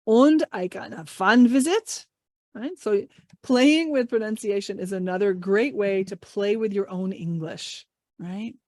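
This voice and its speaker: Leading an online workshop through a video call microphone, this English language trainer stays upbeat and encouraging, peppering the group with questions. She speaks a little slowly in a medium-pitched, slightly mellow voice, recorded at studio quality with no echo.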